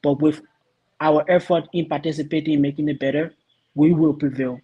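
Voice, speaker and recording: Earnest, husky-voiced man being interviewed. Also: on the high side, fairly even intonation, fairly quick, muffled recording. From Liberia. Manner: earnest, searching for words with many ums. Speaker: guest, youth association vice president. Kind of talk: interview answers.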